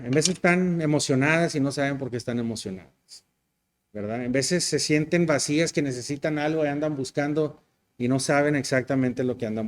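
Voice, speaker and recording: Joking preacher man. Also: fairly high pitch. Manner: conversational and joking, frequent tag questions, mixes in English words. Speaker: pastor. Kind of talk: sermon.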